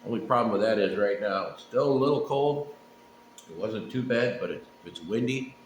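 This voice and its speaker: A middle-aged man with a low voice talks in a loose, rambling way. He takes his time, pausing often and speaking plainly. The room is echoey, with faint noise behind him. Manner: laid-back, profane, unhurried with frequent pauses. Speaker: pipe-smoking vlogger. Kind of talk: casual rambling solo chat.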